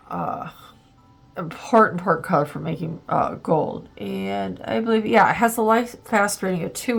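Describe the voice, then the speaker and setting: An art channel host talks her way through a casual tutorial in a mid-range voice with vocal fry. She sounds a little congested and plugged up, chatting and thinking aloud as she works, full of ums and likes.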